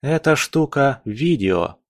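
A man voicing a calm young male necromancer who lays out his arguments point by point in an audiobook. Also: mid-range voice, a little slow, dry recording, clean studio sound, voice pushed up. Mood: calm, persuasive.

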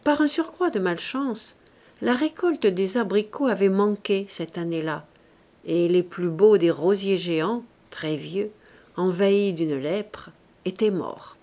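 A woman reading a classic novel aloud as an audiobook narrator, in measured and expressive storytelling. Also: mid-range voice.

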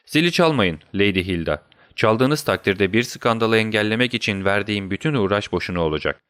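A man's voice: fairly low pitch, animated, brisk, a bit bright, smooth, no room sound, studio quality. A man voicing a firm, commanding detective. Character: brilliant calm adult male detective. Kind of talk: audiobook character reading.

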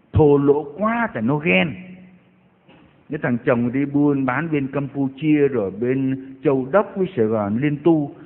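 A man preaches in a mid-pitched voice, telling anecdotes and punctuating them with mocking exclamations. His words carry a long church reverb. The recording sounds narrow and tinny, like a phone line. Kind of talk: sermon. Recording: echoey hall over tinny broadcast line.

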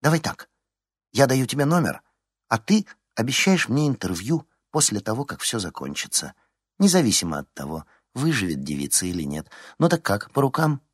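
A man's voice: on the low side, very animated, normal speed, slightly rough, dry recording, studio quality, voice pushed up. A man voicing a cold, calculating female TV reporter who talks in a mocking tone.

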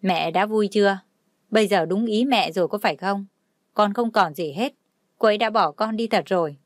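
A woman's voice: medium pitch, normal speed, no echo, clean studio sound, lightly acted. Woman voicing a drunk, bitter young man. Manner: slurred, bitter shouting.

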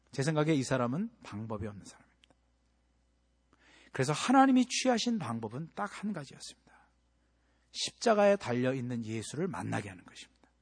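Husky-voiced preacher in a reverberant hall. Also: male voice, fairly high pitch. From Busan, South Korea. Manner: dramatic, swinging from hushed to shouted quotes. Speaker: pastor. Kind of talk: sermon. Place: church sanctuary.

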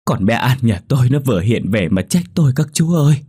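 A man's voice: medium pitch, big pitch swings, fairly quick, mellow, husky, no room sound, clean studio sound, pitched above the performer's own voice. A man voicing a frantic, grieving old village grandmother who wails and pleads. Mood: distraught. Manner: wailing, pleading, insistent.

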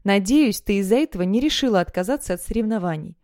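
A woman's voice: mid-range voice, animated, quick pace, a little mellow, no echo, studio quality, lightly acted. A woman reading the lines of a teasing, nosy teenage girlfriend in an audiobook.

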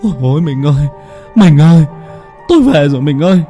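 A man's voice: on the high side, lively intonation, a little fast, mellow, soft background music, pitched above the performer's own voice, natural voice. A man voicing a grief-stricken husband crying out over his dead wife and child in a ghost story. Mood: wailing grief. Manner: wailing, sobbing cries.

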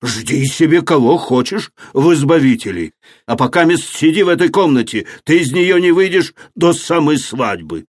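A man's voice: fairly high pitch, lively intonation, moderate pace, no echo, voice pushed up. Man reading as a stern domineering old landowner, menacing, dry close sound, audiobook. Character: domineering older male landowner, stern and quick to rage.

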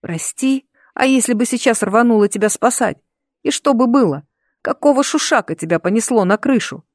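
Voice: mid-range voice, slow, warm tone, breathy edge, no echo, studio quality. A reader voicing a young woman guard who scolds in exasperation through tears, in an audiobook. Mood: scolding.

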